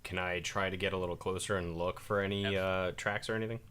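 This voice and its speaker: Deep, bright-voiced man playing tabletop. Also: fairly even intonation, fast talker. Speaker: tabletop game player. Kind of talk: casual game chat.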